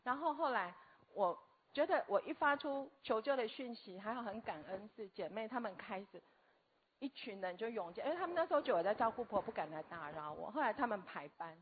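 A woman, telling a personal story earnestly and haltingly as a guest. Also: fairly high pitch, animated, slight background noise. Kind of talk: personal testimony. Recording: tinny phone-like audio.

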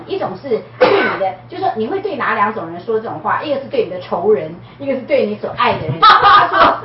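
Lively older woman telling a story from afar. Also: mid-range voice. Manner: animated storytelling with laughs. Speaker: wife in a group talk. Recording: far, echoey, lo-fi among a crowd.

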